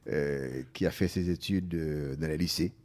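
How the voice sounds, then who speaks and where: A deep-voiced older man born in Haiti speaks as a radio guest. He tells his story reflectively, pausing with fillers and restarting phrases. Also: a little mellow. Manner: reflective storytelling with frequent hesitations. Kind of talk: radio interview.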